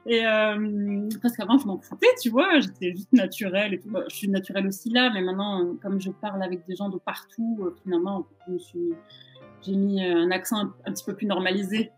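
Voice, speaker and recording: A woman's voice: mid-range voice, steady tone, brisk, husky, faint music behind. A young woman from southern France, chatting informally and self-deprecatingly in an interview over a video call. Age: young adult. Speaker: interviewed actress. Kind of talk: casual interview chat. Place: indoor room at home, video call. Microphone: video call microphone.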